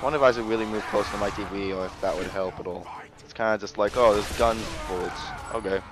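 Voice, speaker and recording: A man giving casual gameplay commentary, excitable and jokey, with frequent exclamations and swearing. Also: fairly low pitch, fast, rough recording. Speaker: gamer narrating a let's play.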